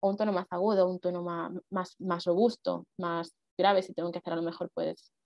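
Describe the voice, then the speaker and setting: A woman's voice: lowish voice, little pitch movement, a little fast, no room sound. Woman running a speaking workshop, chatty, lots of "em" and "¿no?", dry muffled audio. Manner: conversational, with many fillers and rhetorical questions. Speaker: speech workshop instructor and speech judge. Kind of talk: explanatory workshop talk.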